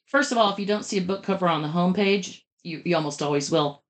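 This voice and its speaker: A woman giving step-by-step advice in a conversational interview, talking quickly and in detail. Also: lowish voice. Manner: brisk, explains step by step, talks fast. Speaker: guest expert on publishing scams.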